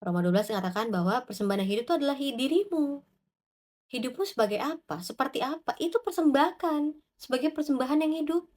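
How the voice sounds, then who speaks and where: A woman with a high, bright-pitched voice delivers a devotional sermon. She speaks with animated, searching energy and talks straight to her listeners. She acts out short quoted prayers and voices as she goes. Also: fast talker. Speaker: preacher.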